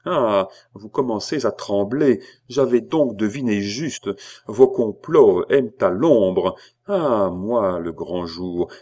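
A man's voice: fairly low pitch, lively intonation, slow pace, warm tone. A man reading an audiobook and voicing an indignant, scornful queen who bursts into vehement accusations. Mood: accusing. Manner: vehement, scornful, rising to outbursts. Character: proud, indignant queen, woman.

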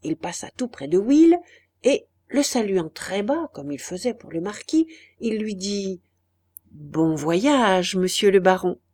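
A woman narrating a classic novel as an audiobook, measured and expressive. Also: medium pitch, breathy edge.

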